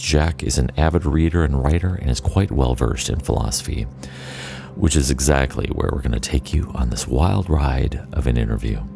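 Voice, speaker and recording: A man hosting an interview podcast, his voice sitting very low with a gravelly fry at the bottom. He opens with a polished scripted welcome, then settles into an easy chat with his guest. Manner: polished scripted intro, then relaxed and chatty. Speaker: podcast host.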